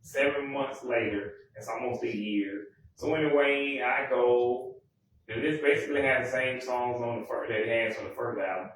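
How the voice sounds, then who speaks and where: A man rambling in a casual monologue, often correcting himself and filling pauses. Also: medium pitch, fairly bright tone, slight background noise. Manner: rambling, self-correcting, many fillers. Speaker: music vlogger. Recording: echoey room, mic far off.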